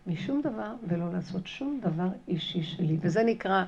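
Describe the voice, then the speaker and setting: A woman giving a spiritual lesson through a personal story, animated and emphatic, re-enacting her own conversations and repeating key phrases. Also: fairly low pitch, vocal fry, breathy edge, highs cut off.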